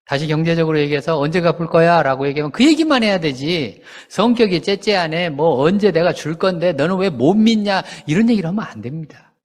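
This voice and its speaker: A man's voice: a little high, a little fast. A man preaching as a pastor, talking in a conversational way with rhetorical questions and briefly acting out quoted people. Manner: animated, acts out quoted parents and children. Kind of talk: sermon. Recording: long hall reverb.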